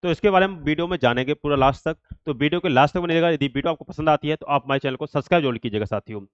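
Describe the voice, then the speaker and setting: The exam update channel host and coach talks rapid-fire in a smooth, slightly high voice, captured as a dry, dull recording. His informal explanation to students is repetitive, packed with fillers and his usual verbal tics.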